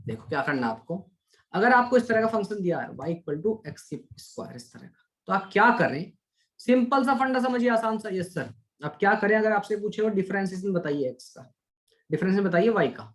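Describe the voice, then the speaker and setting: A man's voice: high voice, sing-song, normal speed, a bit bright. A man teaching an online maths class, chatty and coaxing, asking questions and answering them himself for his students. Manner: coaxing, calls students "beta".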